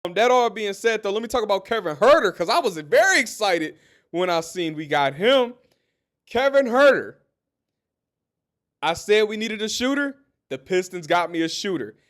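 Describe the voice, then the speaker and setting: A man with a high, bright-toned speaking voice hosts his own sports show. He talks casually and animatedly, addressing listeners directly and drifting into story time. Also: brisk. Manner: animated, talks straight to listeners, tells stories. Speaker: sports podcast host.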